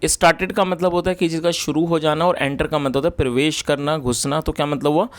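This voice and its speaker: Slow-reading Hindi-speaking English teacher, man. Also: fairly high pitch, fairly even intonation, clean tone. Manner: reads English phrases slowly, then explains in Hindi. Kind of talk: explaining an English story line by line.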